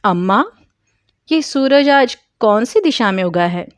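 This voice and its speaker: A woman's voice: on the high side, animated, takes it slowly, clear, resonant tone, no room sound, studio quality. A woman voicing a joking young man. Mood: teasing. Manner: teasing, then frantic shouting. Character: young man, joking, protective brother figure.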